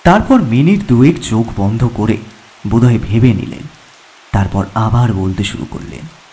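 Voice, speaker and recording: A man narrating an audio horror story in an expressive storytelling manner. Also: mid-range voice, normal speed. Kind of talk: scripted audio drama narration.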